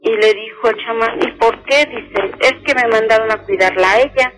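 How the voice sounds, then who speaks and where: An older woman calling a radio show, slowly and earnestly telling a personal story and quoting each speaker. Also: on the high side, background noise. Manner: slow, earnest retelling that quotes each speaker. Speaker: caller.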